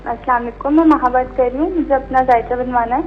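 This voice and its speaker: A woman's voice: high voice, steady tone, highs cut off, a little hiss or hum. A woman calling in over a landline phone, politely asking an astrologer short questions. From Pakistan. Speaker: caller.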